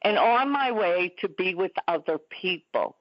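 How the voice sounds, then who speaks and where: A woman's voice: fairly low pitch, animated, a little slow, dry recording, dull audio. A woman in her seventies, a talk show guest telling stories in a chatty way. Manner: chatty, storytelling. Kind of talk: interview conversation. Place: Florida.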